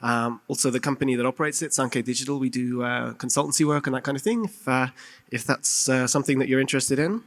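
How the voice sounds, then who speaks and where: A man's voice: mid-range voice, fast talker. Man, panel moderator, casual, upbeat, conference hall reverb.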